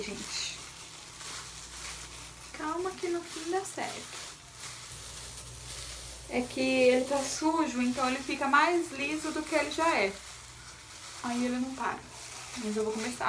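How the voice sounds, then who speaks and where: A woman's voice: on the high side, creaky, noisy background. Nervous chatty Brazilian woman vlogging. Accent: Brazilian Portuguese. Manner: nervous, chatty, talks to viewers as "gente". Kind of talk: casual vlog chat to camera. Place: home, bathroom area. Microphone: phone camera set down nearby.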